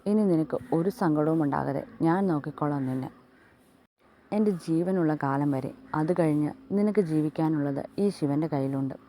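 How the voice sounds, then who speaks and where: A woman voicing a devoted young husband in an audio love story, speaking softly and earnestly. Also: deep voice, moderate pace, slight background noise. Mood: tender.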